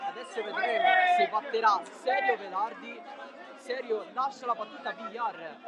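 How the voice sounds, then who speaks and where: High-pitched man, breathless excited football commentary. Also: normal speed, heavy background noise. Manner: breathless, excited Italian goal commentary, bursting into shouts. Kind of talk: live football play-by-play commentary. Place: outdoors at a football ground. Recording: loud crowd and music, outdoor stadium. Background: loud crowd and music.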